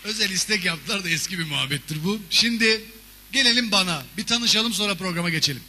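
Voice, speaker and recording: A man's voice: sits high, fast. A man performing a stand-up comedy monologue on a theater stage, telling stories animatedly. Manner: animated storytelling with shouted character voices. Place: theater stage before a live audience. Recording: long reverb of a stage hall.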